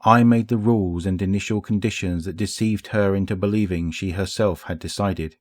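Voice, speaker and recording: A man's voice: deep voice, steady tone, moderate pace, no echo, clean studio sound. A man reading the lines of a secretive, cerebral queen who speaks in abstract, guarded terms in an audiobook. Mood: troubled.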